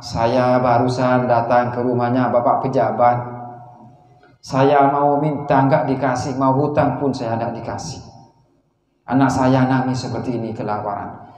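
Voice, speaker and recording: A man voicing a poor, desperate father who pleads slowly in a low voice. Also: flat delivery, darkish tone, natural voice. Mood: pleading. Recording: echoey hall reverb.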